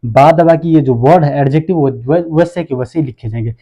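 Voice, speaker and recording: A man's voice: on the high side, dark tone. A man teaching an English grammar lesson, who asks questions and then answers them himself. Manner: asks rhetorical questions and answers them, repeats words slowly.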